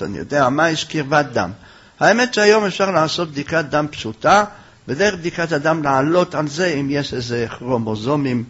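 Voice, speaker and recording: A man giving a Torah lecture as a rabbi, telling stories with animation and rising loud for quoted lines. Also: mid-range voice, breathy edge. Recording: dull lo-fi recording.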